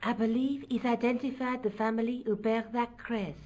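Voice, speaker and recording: A woman's voice: a little high, steady tone, normal speed, a little mellow, soft background music, lightly acted. An actress playing a clever, teasing young woman adventurer in a video game. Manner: playful, teasing.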